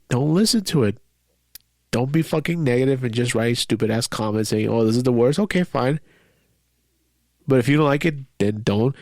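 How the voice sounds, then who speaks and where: Hosting his own podcast while sick with a stuffy cold, a man speaks in a creaky, medium-pitched voice with clean, echo-free studio sound. His solo monologue is casual and rambling, full of fillers, repeated words and restarted sentences. At times he sounds defiant and frustrated.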